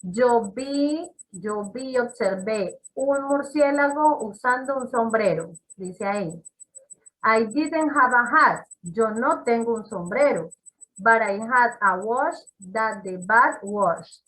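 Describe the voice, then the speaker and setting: A woman's voice: on the high side, animated, slow, fairly bright tone, poor audio. A woman teaching an English class on a video call, explaining step by step and checking in with her students. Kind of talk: online class instruction.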